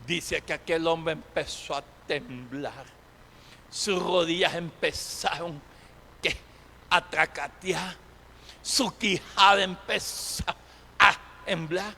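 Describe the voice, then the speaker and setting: A male pastor preaching a sermon, breaking into shouts and then dropping to near whispers. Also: a little high, takes it slowly, vocal fry, long reverb tail, a little hiss or hum. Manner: preaching with sudden shouts and dramatic drops in volume.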